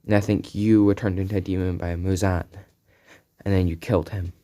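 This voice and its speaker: A man's voice: sits low, level tone, a little fast, mellow, lightly acted. A man voicing an angry, distrustful teenage girl in a spoken fan story, with accusing clipped lines.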